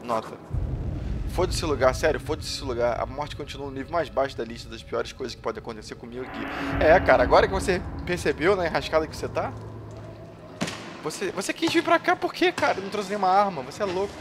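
A man's voice: a little high, fast talker. A man from Brazil commentating a horror game, nervous and jumpy, swearing and making nervous jokes. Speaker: gameplay streamer. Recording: game music underneath.

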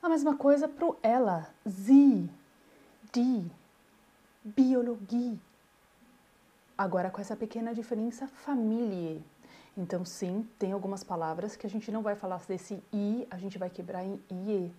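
A woman, teaching a German pronunciation lesson and saying example words slowly and repeating them. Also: medium pitch, mellow.

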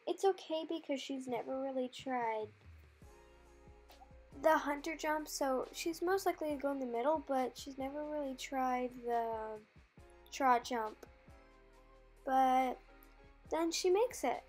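A woman's voice: sits high, measured pace, long pauses, soft background music. A woman narrating her riding lesson as a casual vlog voice-over, in a chatty, rambling storytelling way.

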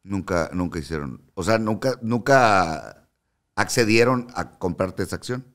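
A man's voice: low-pitched, animated, measured pace, fairly bright tone. A man hosting an interview, asking probing questions in a casual chat and laughing along with his guest. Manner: probing questions, laughs often, short backchannels. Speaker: interviewer host.

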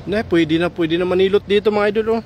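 A fast-talking man from Samar, Philippines, with a high voice films a casual phone vlog while walking through a park by a pond in daytime. He chats excitedly with viewers, calling them "idol," over a slight hiss or hum.

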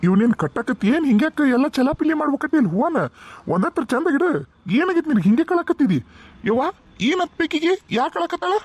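Man voicing a fast-talking lazy village brother. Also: high-pitched, lively intonation, darkish tone. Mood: defensive. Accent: North Karnataka Kannada. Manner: rambling, defensive excuses. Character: lazy young village brother, easygoing and defensive. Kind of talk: cartoon voice acting.

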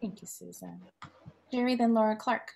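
Woman, meeting host, video call, raspy fry, somewhat high voice, brisk. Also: darkish tone, a little hiss or hum. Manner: brisk, self-correcting as she calls on speakers.

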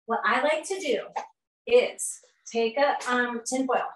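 Taking it slowly in a fairly high voice, a middle-aged nutrition educator chats upbeat through a live cooking class at home, using many fillers, hurrying as she cooks and moving around the stove. A laptop or fixed camera across the kitchen records her from a distance, leaving a roomy kitchen sound.

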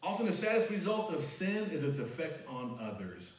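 A man's voice: a little high, very animated, moderate pace. A man preaching a sermon as pastor, emphatic and conversational. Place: church sanctuary. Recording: very echoey church hall, mic at a distance.

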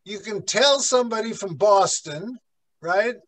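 Slow, high-voiced pastor teaching a class. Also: male voice, lively intonation, a bit bright, low-quality recording. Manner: slow, rambling, with many fillers and asides. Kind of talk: conversational Bible class lecture. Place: church classroom.

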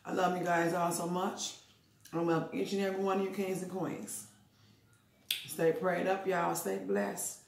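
A middle-aged American woman chatting casually to viewers in an eating vlog, chewing while she talks and pausing between bites. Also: on the low side, flat delivery, gravelly. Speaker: mukbang host. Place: small indoor room, seated at a table. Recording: echoey room, noisy, mouth clicks.

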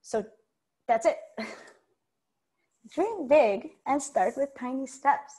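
Speaking slowly in a high, warm, animated voice, a young software developer gives an informal tech talk over a video call from a room lined with bookshelves. She's a conference speaker, chatty and giggly, often poking fun at herself.

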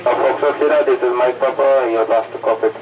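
A man's voice: mid-range voice, fairly even intonation, far from the mic, highs cut off. Man calling over a two-way radio. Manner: clipped call-sign radio talk with pauses. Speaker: radio training instructor. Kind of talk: radio call procedure drill.

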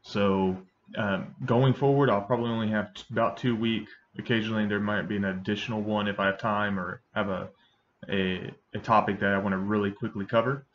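A man in his thirties giving a casual, halting review to camera. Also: lowish voice, fairly even intonation. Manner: halting, hesitant delivery. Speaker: pipe tobacco reviewer. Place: small indoor room with bookshelves. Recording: dull webcam sound with faint noise.

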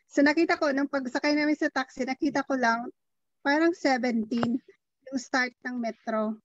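A woman's voice: high-pitched, steady tone, normal speed, no echo, lo-fi sound. A woman chatting casually in a small group, telling a story and mixing in English. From Philippines. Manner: chatty, mixes Tagalog and English.

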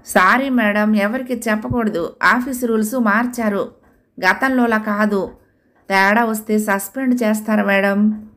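A woman's voice: a little high, moderate pace, close to an everyday voice. A woman voicing a sleepy male office clerk who pleads apologetically. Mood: pleading.

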